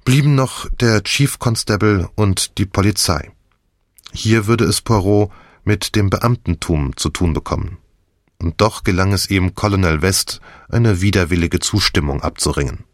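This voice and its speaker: Deep-voiced man reading an audiobook. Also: no echo, clean studio sound. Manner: calm, measured reading. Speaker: audiobook narrator. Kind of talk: scripted first-person narration.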